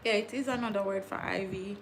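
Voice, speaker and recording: A woman's voice: mid-range voice, steady tone, fast, slight background noise. Chatty woman in her thirties. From Jamaica. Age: 30s. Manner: chatty, laughs often, repeats words. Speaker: livestream host. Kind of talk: casual live-stream chat.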